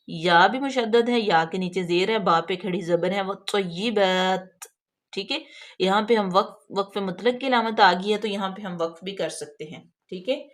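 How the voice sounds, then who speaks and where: A patient woman teaches careful recitation step by step. Her pitch sits in a typical middle range for a woman. She slows right down to stretch out each example word, then checks that her listener follows. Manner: patient, explains letter by letter, checks understanding. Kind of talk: tajweed lesson, slow drawn-out recitation of examples.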